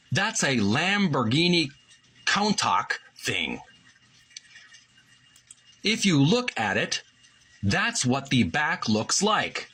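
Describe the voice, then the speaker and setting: A man hosting a channel reads passages from a book aloud and adds his own remarks, now and then stumbling and correcting himself. His mid-range voice sounds pushed and bright, with a breathy edge.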